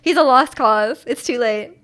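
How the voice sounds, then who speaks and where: A twenties-aged woman streams casually, reading viewer messages aloud and replying to them. Her high voice has a fairly bright tone, and she laughs readily and often. She talks at an unhurried pace, loose and chatty, with plenty of playful asides.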